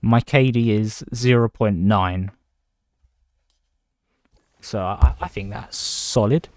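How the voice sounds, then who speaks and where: A man's voice: lowish voice, slow pace, a little mellow. A man casually chatting on a livestream from home, rambling between topics and greeting viewers by name. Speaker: livestreaming gamer.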